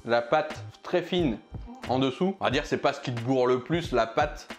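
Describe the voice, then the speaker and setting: A man's voice: medium pitch, moderate pace, soft background music. A man reviewing pizzas for his food vlog, chatting casually and joking while he eats. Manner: chatty, jokey, eating while talking. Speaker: food vlogger.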